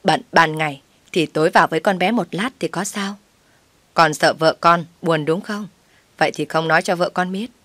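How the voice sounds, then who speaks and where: Woman playing pushy older mother-in-law, scolding, low voice, dry. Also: normal speed, a bit bright, dry recording. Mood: persuading.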